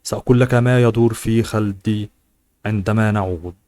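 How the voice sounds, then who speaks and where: A man's voice: on the low side, fairly even intonation, brisk, darkish tone, no echo, natural voice. A man voicing a cold, stern wealthy grandmother in an audiobook, scolding.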